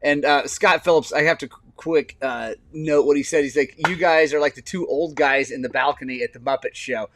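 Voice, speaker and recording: A man's voice: fairly high pitch, fairly quick, few pauses, a bit bright, no room sound. Man in his forties, laughing storyteller. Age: 40s. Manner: rambling storyteller, laughs often. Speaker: podcast co-host. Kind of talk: casual chat.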